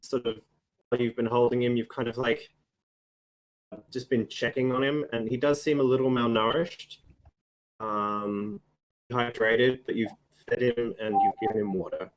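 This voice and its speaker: A man narrating a tabletop game as game master, relaxed and casual, laughing often. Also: medium pitch, normal speed, pauses often, rough recording.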